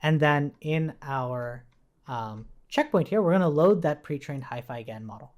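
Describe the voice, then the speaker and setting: A man runs an informal coding tutorial, explaining while demonstrating on screen, thinking aloud conversationally and often checking in with the listener. His voice is on the high side with a darkish tone, and he speaks a little slowly.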